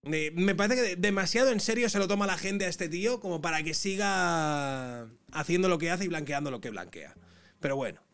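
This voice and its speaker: A man with a Madrid accent giving sarcastic, ranting commentary on clips as a streamer, swinging between loud outbursts and muttering. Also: high-pitched, animated, brisk, soft background music. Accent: Madrid Spanish. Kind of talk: casual reaction commentary.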